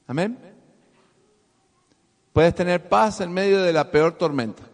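A male pastor preaching a sermon to his congregation, swinging from soft asides to loud emphasis and calling for responses. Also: high voice, slow. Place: church hall with congregation. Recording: long hall reverb.

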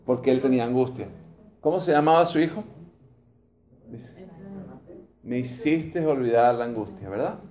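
A man's voice: medium pitch, normal speed, pauses often, a little mellow, slight background noise. A man over forty preaching a sermon, reading scripture aloud and putting questions to his congregation. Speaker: pastor.

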